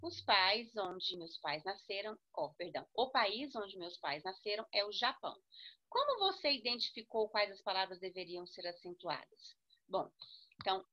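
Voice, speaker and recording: A woman's voice: mid-range voice, sharp tone, highs cut off. A woman with a Brazilian Portuguese accent teaching a grammar lesson, stressing syllables and checking in with students often. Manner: instructive, with frequent check-ins and spelled-out syllables.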